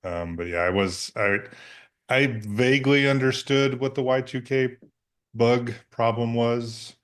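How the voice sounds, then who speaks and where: A man's voice: mid-range voice, measured pace. A man in his fifties, podcast co-host, chatting casually with wry self-deprecating humor. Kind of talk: casual chat.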